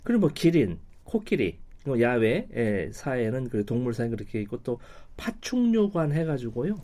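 An older man from South Korea, in his sixties or above, speaking as a radio interview guest in a halting, rambling way. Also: medium pitch, very animated, mellow. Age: 60s or older. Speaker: studio guest, company head.

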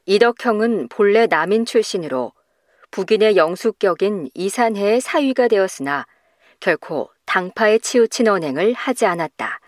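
A woman's voice: mid-range voice, lively intonation, normal speed, dry recording. Lady reading out a paper excerpt, formal, dry. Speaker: reader of a quoted passage. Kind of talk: scripted reading of a scholarly text.

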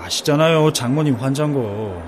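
A man's voice: mid-range voice, lively intonation, moderate pace, a little hiss or hum, lightly acted. An actor playing an easygoing middle-aged son-in-law who jokes and soothes his angry mother. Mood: placating. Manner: jokey, placating, laughing. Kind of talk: TV or radio drama acting.

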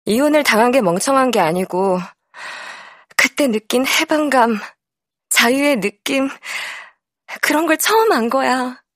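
A woman voicing a tipsy, dazed older sister, a pianist, in a slow and dreamy audiobook monologue. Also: high-pitched, animated, fairly bright tone, dry recording, pitched above the performer's own voice, full character voice. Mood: dreamy, bitter. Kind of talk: audiobook character voice. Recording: dry studio.

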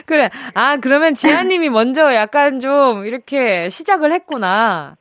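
A woman's voice: high-pitched, lively intonation, moderate pace, a bit bright, no echo, clean studio sound. A woman radio DJ in a phone-in chat, playful and coaxing, laughing often as she draws a caller out.

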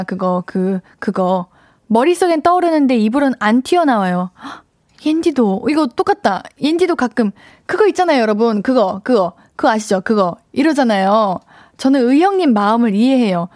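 A woman's voice: a little high, a little mellow, no room sound, clean studio sound. A woman radio DJ chatting playfully as she reads out listener messages on a live show. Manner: playful, chatty, tries out dialect phrases. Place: radio studio. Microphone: studio mic.

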